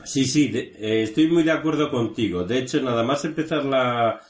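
A man's voice: mid-range voice, lively intonation, moderate pace. A man with a Spain accent co-hosting a film show, giving summaries and comments. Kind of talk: scripted plot summary and casual discussion. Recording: roomy, echoey sound.

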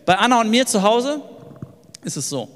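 A man's voice: sits high, sing-song, normal speed. A man preaching a sermon with emphasis, repeating phrases and building long lists. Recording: long hall reverb with soft music.

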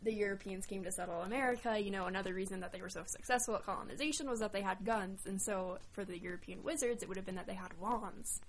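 A woman's voice: mid-range voice, fast, hardly any pauses. A woman in a casual podcast discussion, thoughtful and explanatory.

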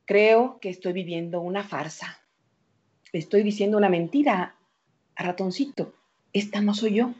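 A woman voicing a vain young female cockroach in a told fable, high and fussy, over a slightly dull recording. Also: normal speed, long pauses, a little mellow, slightly rough, lightly acted. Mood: remorseful. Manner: high, fluttery, polite brush-offs.

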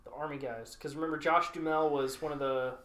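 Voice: mid-range voice, fairly even intonation, fast talker, fairly bright tone, roomy sound. A podcast co-host chatting casually, often laughing and groping for names. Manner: laughs easily, gropes for names. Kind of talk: casual chat.

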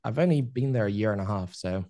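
A man in his thirties, a podcast guest, telling his life story in a relaxed, rambling way with many fillers. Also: on the low side, fast, dry recording, clean studio sound. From Spain. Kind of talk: casual interview storytelling.

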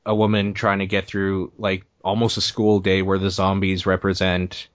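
A man hosting a casual podcast, talking in a relaxed, rambling way full of hedges. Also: low voice, normal speed, dry recording, highs cut off. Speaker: podcast host.

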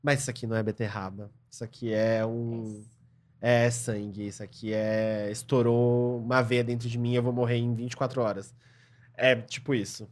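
A man putting on the low, grim inner voice of a panicked hypochondriac sure he is dying. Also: little pitch movement, moderate pace, close to an everyday voice. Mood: doom-laden. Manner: grim, doom-laden muttering.

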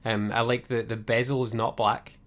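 A man's voice: medium pitch, flat delivery, normal speed, fairly bright tone. Easygoing man co-hosting a podcast. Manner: easygoing, hesitant, fills with "like" and "um", laughs along. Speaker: podcast co-host. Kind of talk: casual chat.

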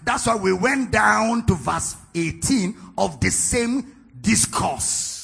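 A Nigerian man preaching a sermon in a church, teasing the congregation with questions and then building to shouted climaxes. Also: sits high, animated, slow, gravelly, husky, soft background music. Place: church hall, large, indoors.

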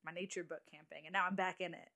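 Her voice is on the low side, steady, pushed and bright: a late-twenties woman making casual conversation as a guest on a podcast. She frequently restarts her sentences, talking in a chatty, halting way punctuated by small laughs.

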